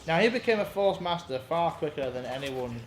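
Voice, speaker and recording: A man's voice: fairly high pitch, lively intonation, brisk. A man with a Northern English accent co-hosting a gameplay video, asking dry, teasing questions. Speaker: co-host watching the game. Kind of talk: casual gameplay chat. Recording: echoey room with faint noise.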